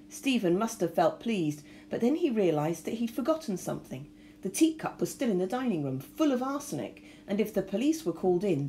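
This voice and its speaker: Woman reading a novel aloud, expressive, lively pitch, mellow, lowish voice. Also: a little hiss or hum. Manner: expressive storytelling. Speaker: reader.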